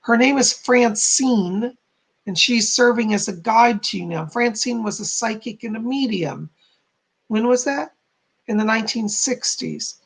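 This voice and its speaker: Hoarse, croaky man with heavy creak. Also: sits high, animated, a little slow, a bit bright. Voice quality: husky, croaky frog voice. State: hoarse, voice giving out. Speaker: psychic medium live stream host. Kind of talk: live spiritual readings for donors.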